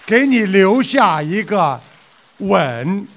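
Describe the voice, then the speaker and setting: A man telling a string of jokes to an audience in an unhurried, animated way. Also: high-pitched. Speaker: joke teller.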